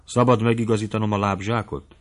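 A smooth, ingratiating young gentleman, always courteous, read by a man with a low voice. He is a figure in an audiobook of a classic novel and charms everyone he speaks to. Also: steady tone, natural voice. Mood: attentive.

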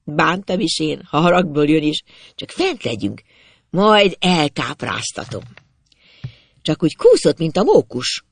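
Lively gravelly storybook narrator. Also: medium pitch, no room sound. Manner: expressive first-person storytelling.

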